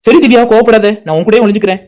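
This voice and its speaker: A woman voicing a fast, pleading young village woman. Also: fairly high pitch, warm tone, close to an everyday voice. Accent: Tirunelveli Tamil. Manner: soothing, pleading. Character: placating young woman in her twenties.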